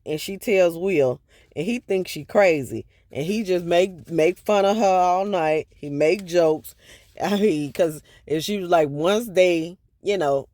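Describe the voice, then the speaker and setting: A man's voice: high-pitched, darkish tone, dry recording, clean studio sound. A man casually retelling a book chapter for his viewers, in a loose, chatty way with asides to the audience. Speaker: book review vlogger.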